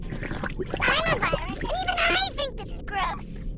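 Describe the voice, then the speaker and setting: Cute squeaky little cartoon germ. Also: female voice, sing-song, measured pace, exaggerated voice. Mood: disgusted. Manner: cocky, taunting. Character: small gleeful, menacing germ out to infect lungs. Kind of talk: educational cartoon character acting. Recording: loud music underneath.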